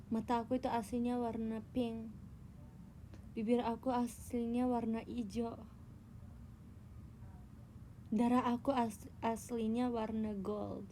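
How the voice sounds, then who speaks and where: A young Indonesian woman, an idol livestreamer, chats casually with viewers on her phone, teasing them playfully and spinning tall tales. Her voice is a little high and warm, with a flat delivery, measured pace, and slight background noise.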